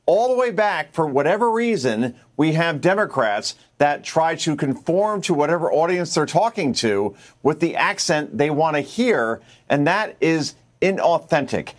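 Male guest pundit, slightly high, assertive opinion delivery. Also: big pitch swings, unhurried, few pauses. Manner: assertive, with some restarts. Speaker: news contributor, guest. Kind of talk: political commentary.

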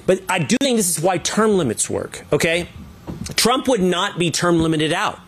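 Guy cohosting a political chat show, firm and opinionated, voice sits kinda high. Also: very animated, moderate pace, slight background noise. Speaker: co-host. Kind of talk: casual political debate.

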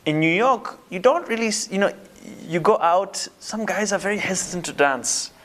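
A man from Uganda with a slightly high voice who talks in a loose, halting, casual way. The sound comes from an older archive clip recorded from a distance. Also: a bit bright.

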